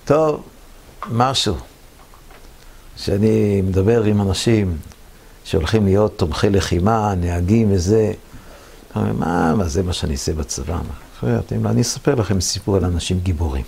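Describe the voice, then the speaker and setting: Interviewed about the war, this Israeli veteran in his seventies has a low, gravelly, slightly mellow voice. He brings his memories to life by imitating the voices of those he quotes.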